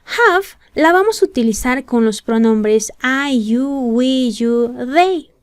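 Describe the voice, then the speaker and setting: A woman walks through an English lesson in a patient, step-by-step voice-over. Her voice sits a little high and she talks slowly, lingering on every example. The recording is dry and close. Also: expressive, clean tone, no room sound. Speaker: English teacher. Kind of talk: slow explanatory lesson narration.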